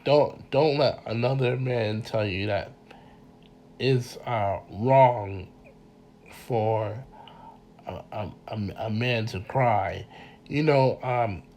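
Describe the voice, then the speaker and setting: A man with a congested voice giving an informal mini lecture, halting and repeating words as he speaks earnestly to his listeners. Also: fairly low pitch, a little mellow, a little hiss or hum. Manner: earnest, addresses listeners directly. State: congested from a cold.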